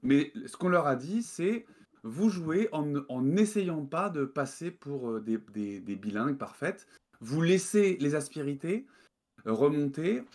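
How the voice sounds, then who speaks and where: A man's voice: fairly high pitch, expressive, a little slow, darkish tone. A man from France, a game developer guest, talking casually in an interview over a video call, hesitant with many fillers and restarts.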